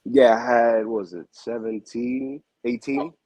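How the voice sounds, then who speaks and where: A man, a boxing manager, talking casually in a relaxed, slangy way. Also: medium pitch, a little slow, no echo. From New York. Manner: relaxed, slangy, calls people bro. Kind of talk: casual interview.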